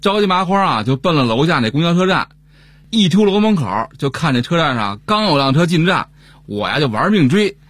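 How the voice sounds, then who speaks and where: Man, animated storytelling, mid pitch, lively melody, dry close sound. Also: brisk, dry recording. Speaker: son in a family comedy sketch. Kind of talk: scripted radio comedy dialogue.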